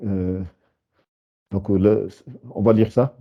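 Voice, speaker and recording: A man leads a beginner class, patiently repeating and breaking words into syllables. His voice sits a little low. The recording is dull and lo-fi. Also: fairly even intonation, takes it slowly. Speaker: Arabic teacher. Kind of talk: live beginner language lesson.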